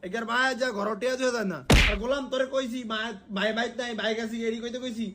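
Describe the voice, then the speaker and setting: A man, acting in a comic sketch and talking in a loud, pleading way, often laughing. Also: very high voice, steady tone, quick pace. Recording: noisy background.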